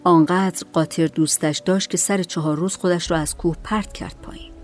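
Casting: calm female storyteller, lowish voice, faint music underneath. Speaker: narrator. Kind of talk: storybook narration.

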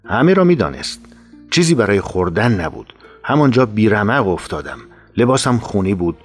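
Man narrating a grave war memoir. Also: fairly low pitch. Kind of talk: scripted first-person war memoir narration.

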